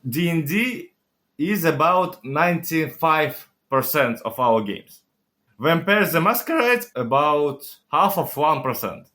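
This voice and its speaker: Higher-voiced man with a Kazakh accent. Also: sing-song, bright, forceful tone. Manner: halting, simple non-native English phrasing. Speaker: interview guest, game club owner. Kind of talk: interview answers.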